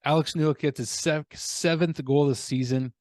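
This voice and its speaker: A man's voice: on the high side, fairly even intonation, normal speed, darkish tone, dry recording, studio quality. A man giving a casual hockey game recap as a fan vlogger, rambling and joking at his own expense. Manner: rambling, joking, self-mocking.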